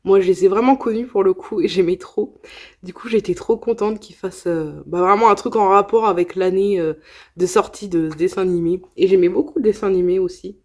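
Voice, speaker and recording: A woman's voice: mid-range voice, fairly quick, darkish tone. A young woman chatting casually in a haul video, enthusiastic and full of asides and fillers. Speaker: beauty vlogger.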